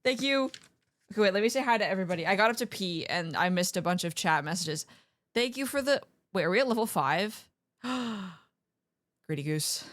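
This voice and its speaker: A woman's voice: medium pitch, animated, brisk, fairly bright tone, no echo. A woman livestreamer chatting casually with her viewers in a playful, slangy gamer manner, scattered and often interrupting herself. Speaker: livestreamer hosting an art stream.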